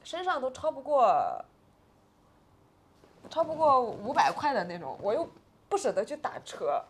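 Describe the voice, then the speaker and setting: A woman's voice: high voice, sing-song, measured pace. Interview guest, woman in her 40s, emotional first-person retelling, agitated swings, faint noise floor.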